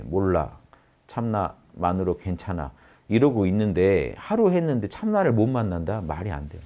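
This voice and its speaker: Guy teaching meditation, really animated pitch, drops to a murmur acting out inner voices. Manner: lively, acts out inner voices in a soft murmur. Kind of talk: spiritual lecture. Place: lecture hall.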